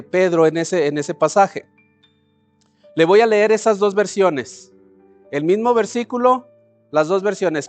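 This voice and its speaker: A man with a high, light voice preaches a sermon. He explains scripture and throws questions out to the congregation, then answers them himself. Soft music plays faintly behind him. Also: dry recording. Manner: calls congregation to repeat phrases.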